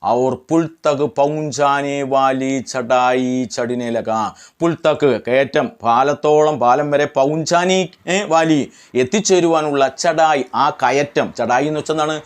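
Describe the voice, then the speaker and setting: A man's voice: mid-range voice, steady tone, slow, clean tone. A man teaching a lesson, translating line by line and asking questions that he answers himself. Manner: translates phrase by phrase, repeating words. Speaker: Hindi tutor.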